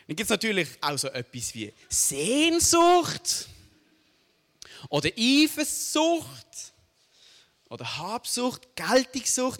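A young adult man with a Swiss German accent preaching a sermon, often checking in with the audience. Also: sits high. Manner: animated, asks the audience "oder?" often. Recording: long hall reverb.

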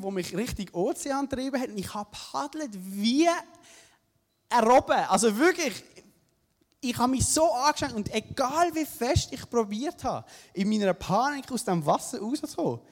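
Young Swiss German man, lively live storyteller, high voice, long hall reverb. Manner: animated, tag questions "oder?".

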